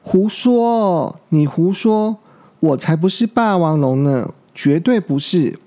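A man's voice: on the high side, expressive, slow, mellow. A man voicing a frightened, stubborn little boy dinosaur in a children's storybook reading, talking in a pleading, insistent way. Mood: indignant.

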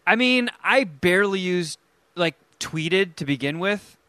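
A man's voice: high-pitched, animated, unhurried, sharp tone, clean tone, no echo. A man co-hosting a podcast, chatting casually with crude jokes. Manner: joking, crude, does silly voices. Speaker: podcast co-host. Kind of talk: casual chat.

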